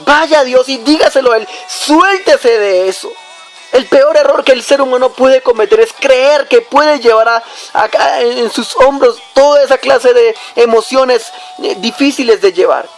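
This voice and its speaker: A man's voice: very high voice, unhurried, faint music behind. A young adult man preaching a devotional teaching on prayer, addressing the listener directly point by point.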